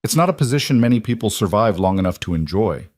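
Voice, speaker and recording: A man's voice: lowish voice, lively intonation, quick pace, darkish tone, no room sound, clean studio sound. A man doing a smug predatory senator. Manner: smooth, mocking.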